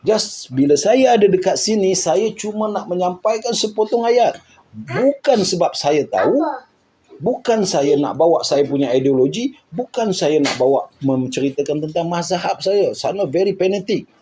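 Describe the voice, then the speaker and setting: A man from Malaysia with a Malaysian accent, casually recounting his journey in an animated way, repeating words and acting out the people he quotes. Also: sits high, moderate pace, breathy edge, rough recording. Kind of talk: casual storytelling.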